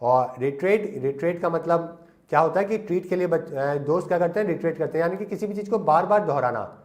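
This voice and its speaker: A man's voice: a little high, expressive, a little fast, darkish tone. A young man teaching English vocabulary in Hindi, giving memory tricks and asking questions he answers himself. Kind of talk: Hindi lesson on English words.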